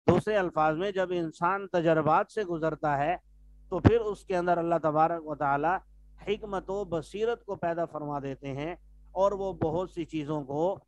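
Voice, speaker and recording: Male teacher, online lesson, patient explainer, a bit high-pitched, dry close sound. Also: no echo. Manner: explains words patiently, asks students if they follow. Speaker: teacher of Arabic texts.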